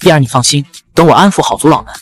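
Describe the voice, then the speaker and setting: A male narrator voicing a ruthless middle-aged empress, cold and imperious, speaking fast. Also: sits low, expressive, slightly rough.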